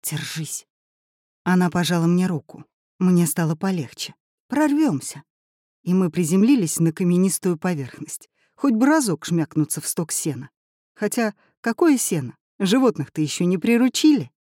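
A woman reads an audiobook aloud in an expressive storytelling manner, her pitch moving widely. Her voice is mellow and warm. The recording is dry and close. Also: normal speed, no room sound. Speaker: audiobook narrator.

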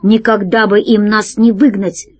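A woman's voice: medium pitch, level tone, unhurried, dry recording, lightly acted. A woman voicing a wary, scheming male rat pirate captain in a storybook reading, curt and raised above her narration. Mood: grumbling, wary. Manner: curt, grumbling, louder than the narration.

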